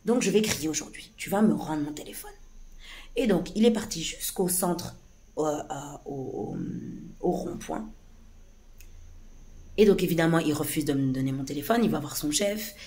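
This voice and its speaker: Hoarse low-voiced woman, halting and agitated. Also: animated, darkish tone, a little hiss or hum. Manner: agitated, hesitant, many restarts and fillers. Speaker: vlogger recounting a police incident. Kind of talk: casual spoken account to camera.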